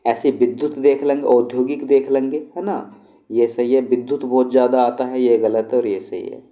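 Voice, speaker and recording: A man walks through a spelling lesson. His voice is deep-toned and very mellow, at an ordinary pitch. He explains patiently and keeps checking in with his students. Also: steady tone, normal speed. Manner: explains patiently, with frequent check-ins to the class. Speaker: shorthand and typing teacher.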